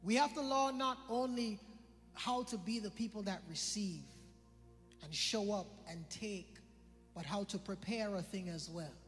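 A man's voice: high voice, unhurried, fairly bright tone, big-room sound, soft background music. A man from the British Virgin Islands with an island accent, preaching a sermon, quizzing his congregation and repeating phrases for emphasis.

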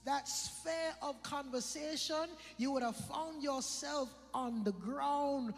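Male preacher, British Virgin Islands accent, high voice, repeats lines and quizzes the congregation; echoing hall. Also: slow, creaky. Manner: questions the congregation, repeats phrases for emphasis. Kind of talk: sermon.

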